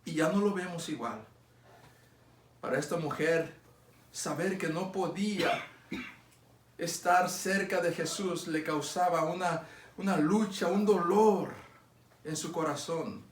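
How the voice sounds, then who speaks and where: In a church sanctuary, a male pastor with a slightly high voice preaches a sermon slowly, pausing often, and the sound is roomy. His tone is earnest and pleading, and he puts many direct questions to his listeners.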